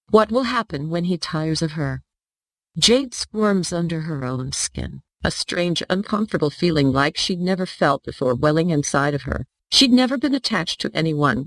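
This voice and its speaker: Gravelly synthetic audiobook narrator. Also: mid-range voice, dry recording, poor audio.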